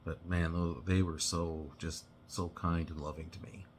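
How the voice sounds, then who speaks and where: A man casually telling a personal story, halting and rambling with many restarts and "you know"s. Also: deep voice, flat delivery, slight background noise.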